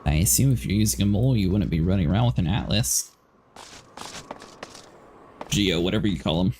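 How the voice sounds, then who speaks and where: A man's voice: low-pitched, lively intonation, brisk, darkish tone, a little hiss or hum. A man hosting a livestream, chatting casually about a game, laughing often and filling his talk with "like". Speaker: livestream host. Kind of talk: casual gaming chat.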